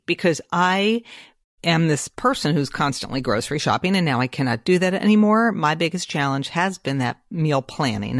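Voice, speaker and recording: A woman's voice: lowish voice, clean studio sound. Woman hosting a podcast, no room echo, friendly and chatty. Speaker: podcast host. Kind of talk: casual podcast chat.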